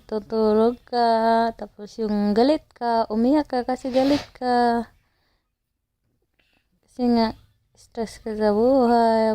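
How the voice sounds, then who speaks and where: Slow, mellow-voiced Filipina mother venting. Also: mid-range voice, no echo. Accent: Filipino, Cebuano-speaking. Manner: rueful, self-mocking, sighing complaints. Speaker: mother vlogger. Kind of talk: casual vlog monologue.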